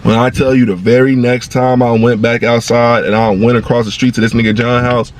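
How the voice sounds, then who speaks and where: Young man's excitable, profane storytime. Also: a little fast, a little hiss or hum. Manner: excitable, profane street slang, bursts of high-pitched agitation. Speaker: vlogger telling a personal story. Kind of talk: casual storytime monologue.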